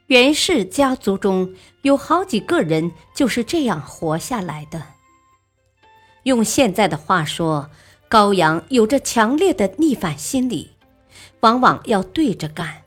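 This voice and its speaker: A woman narrating a historical story expressively, often opening quoted speech with a soft "ah". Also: medium pitch, breathy edge.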